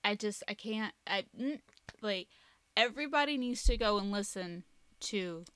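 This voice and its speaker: A woman's voice: mid-range voice, lively intonation, moderate pace, a bit bright, clean tone, no echo. A woman co-hosting a podcast in casual chat, talking loosely, laughing often and filling her speech with "like". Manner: chatty, laughs often, says "like" a lot. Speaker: podcast co-host.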